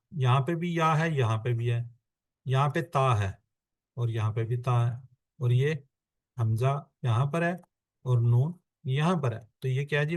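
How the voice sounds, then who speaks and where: A man teaching an online Quran grammar class, patiently walking students through points step by step and calling on them by name. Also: mid-range voice.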